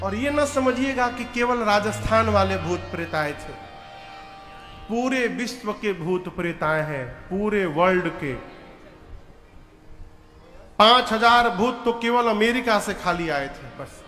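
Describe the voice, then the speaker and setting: Brief: male katha storyteller, high bright voice, slow and dramatic, echoey hall with music under him. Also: animated. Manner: dramatic, voices characters, breaks into chant. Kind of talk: devotional story sermon with singing.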